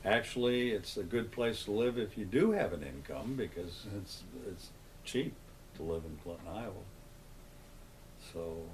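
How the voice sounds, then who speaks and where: A man's voice: fairly low pitch, expressive, a little slow, a little hiss or hum, low-quality recording. An older man, speaking in a plain-spoken, conversational way as the interviewee in an oral history interview. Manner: plain-spoken, conversational, poses and answers own questions. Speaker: interviewee, longtime local resident.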